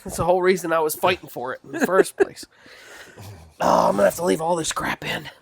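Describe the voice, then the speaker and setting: A man's voice: high voice, fairly quick, vocal fry. A man co-hosting a comedy podcast, trading crude jokes and laughing often. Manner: laughs often, loose and joking. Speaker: podcast co-host. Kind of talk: crude casual banter.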